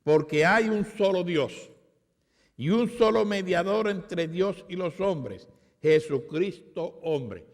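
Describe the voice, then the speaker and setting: A man's voice: high voice, lively intonation, takes it slowly. A Puerto Rican man preaching a sermon at a conference, with emphatic, repeated declarations. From Puerto Rico. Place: conference hall. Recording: long hall reverb.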